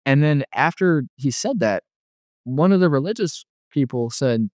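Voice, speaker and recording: A man's voice: on the high side, animated, a little slow, a little mellow, no room sound. A young man casually recounting a personal testimony, rambling with lots of filler words. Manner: rambling, filler-heavy storytelling full of "like". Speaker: guest telling a near-death testimony.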